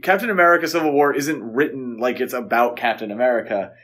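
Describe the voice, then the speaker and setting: Talking fast in a mid-range, fairly bright voice, a podcast co-host chats informally about films.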